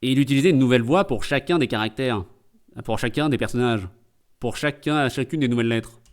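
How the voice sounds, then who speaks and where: A man's voice: medium pitch, brisk. A man streaming live and doing comedic translation commentary, full of joking, rambling asides.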